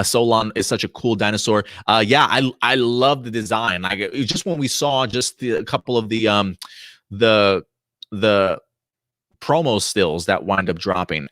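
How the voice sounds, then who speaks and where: A man in his late thirties chats casually on a livestream, full of fillers and quick restarts. His voice sits on the lower side. The sound is close and dry, with no room echo. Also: a bit bright. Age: 30s. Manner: chatty, reads out viewer comments. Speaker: podcast co-host.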